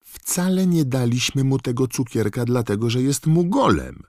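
A man's voice: low-pitched, wildly swooping pitch, moderate pace, a little mellow, no room sound, clean studio sound, voice pushed up, full character voice. A man voicing a sly, mocking teenage boy who plays pranks. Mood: cheeky.

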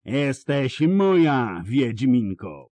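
A man's voice: medium pitch, big pitch swings, drawn-out words, warm tone, no echo, voice pushed up. A man voicing a brutal, gloating middle-aged male bounty hunter who roars taunts in an audiobook reading. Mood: triumphant taunting. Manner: roaring, taunting.

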